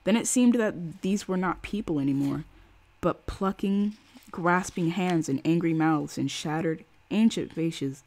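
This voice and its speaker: Woman reading a thriller aloud, low voice. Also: a little mellow. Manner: reads with acted quotes, pausing for chat. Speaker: streamer reading a novel aloud.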